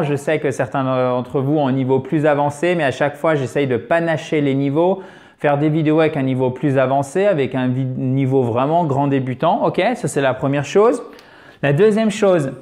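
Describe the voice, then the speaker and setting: A French-speaking man hosting a video English lesson, voice sitting a touch high. He drills sounds with big, exaggerated swoops and lively emphasis, talking straight to his viewers. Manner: animated, exaggerated pronunciation drills. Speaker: English teacher.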